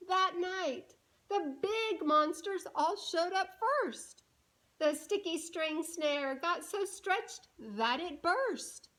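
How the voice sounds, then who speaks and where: A woman with a high voice reads a storybook to young children, animated and deliberate, stopping to ask her listeners questions. The recording is rough.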